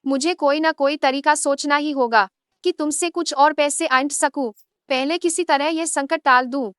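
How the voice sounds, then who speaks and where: A woman dubbing the role of an older housemaid who is deep in debt, pleading one moment and coldly scheming the next. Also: steady tone, normal speed, a bit bright, no echo, studio quality. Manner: pleading, then cold and scheming. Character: scheming older maid, pleading then greedy. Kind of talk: Hindi drama dub.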